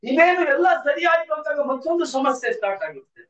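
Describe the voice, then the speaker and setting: A man preaching a sermon in a church, impassioned and building to shouted pleas, repeating phrases in rhythmic lists. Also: very high voice, lively intonation, fast talker. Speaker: evangelist preacher. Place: church hall. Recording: roomy, distant, lo-fi church recording.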